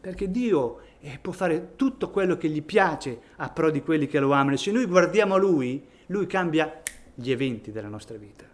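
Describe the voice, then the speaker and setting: A man's voice: on the high side, expressive, moderate pace. A man preaching a sermon in a church, reading scripture and rising to emphatic peaks on key phrases.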